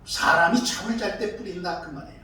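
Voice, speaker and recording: A man preaching a sermon as pastor, telling stories in an animated way and acting out quoted voices. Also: high-pitched, brisk, slight background noise. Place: church sanctuary. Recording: very echoey hall, far from mic.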